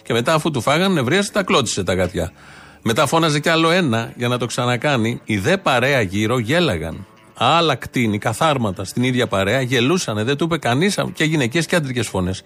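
A man's voice: medium pitch, animated, fairly bright tone. A man hosting a commentary show, mocking and ironic as he remarks on news clips. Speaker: radio show host.

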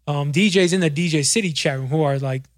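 A man's voice: on the high side, fast talker, no echo, clean studio sound. A man hosting a DJ podcast in casual chat, loose and profane, often restarting his words. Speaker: podcast host and DJ.

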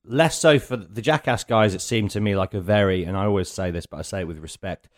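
A man's voice: lowish voice, quick pace. A man with a British accent hosting a casual interview, chatting informally with his guest. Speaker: podcast host.

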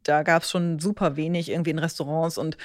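A woman hosting a podcast, asking questions casually with quick friendly backchannels. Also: low voice, steady tone, no echo, studio quality. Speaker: podcast host. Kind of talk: casual interview.

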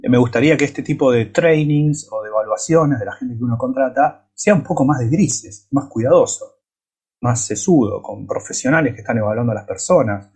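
A man's voice: mid-range voice, a little fast, darkish tone, breathy edge. A man from Buenos Aires with an Argentine accent, debating in a reflective, hesitant way with frequent restarts. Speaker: podcast panelist. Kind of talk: casual debate.

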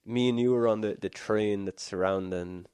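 A man's voice: on the low side, fairly even intonation, moderate pace, a little mellow, clean tone, no room sound, clean studio sound. A man in his thirties in a casual comedic chat, rambling and jokey, laughing often and restarting his sentences.

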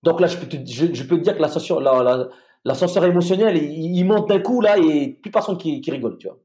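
A middle-aged man with a fairly high voice tells a story from his time as a soldier in a relaxed, conversational way. He stumbles and restarts often, filling gaps with hesitations, then pushes on with vivid detail. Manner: halting, many restarts and fillers, vivid retelling. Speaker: former soldier telling his experience.

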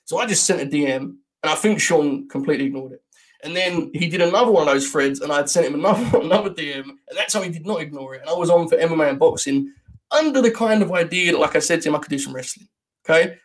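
British male guest, quick talker, rambling and self-deprecating, a touch higher voice. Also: lively intonation. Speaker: podcast guest. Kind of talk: casual chat.

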